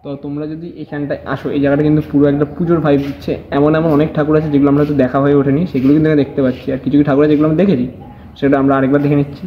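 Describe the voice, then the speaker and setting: Fast-talking young Kolkata man vlogging. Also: a little high, flat delivery, a little hiss or hum. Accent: Kolkata Bengali. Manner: rapid chatty commentary, teasing friend. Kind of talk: casual walking vlog. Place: museum grounds in Kolkata, walking. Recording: dull lo-fi with music underneath.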